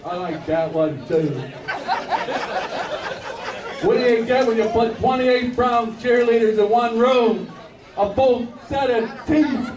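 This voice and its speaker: A man's voice: very high-pitched, unhurried. A man voicing a bald, boisterous old football-fan puppet in a live comedy act, with folksy, silly wisecracks. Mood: wisecracking. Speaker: puppet stand-up entertainer. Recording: echoey noisy crowd hall, distant microphone.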